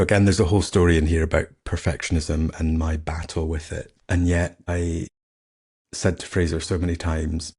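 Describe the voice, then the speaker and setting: Middle-aged male podcast host, faded Scottish accent, husky and very low, chatty and self-deprecating. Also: darkish tone. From Scotland. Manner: candid, self-mocking, chatty. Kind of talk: casual solo podcast chat.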